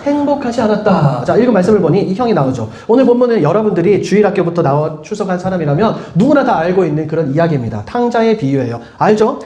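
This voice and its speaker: A man's voice: sits high, darkish tone. A man preaching as a pastor to a middle-school youth group, asking the listeners many questions and leading them in group reading. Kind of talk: youth sermon. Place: church hall. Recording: echoey room.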